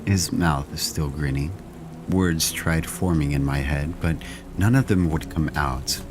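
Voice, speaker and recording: A man tells first-person horror stories in an extremely deep voice. His delivery is slow, measured and hushed. Faint rain falls in the background. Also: noisy background. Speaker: horror story narrator.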